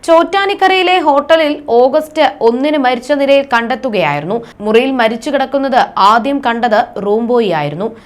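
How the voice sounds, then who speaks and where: A woman's voice: sits high, expressive, moderate pace. Woman reading a news narration.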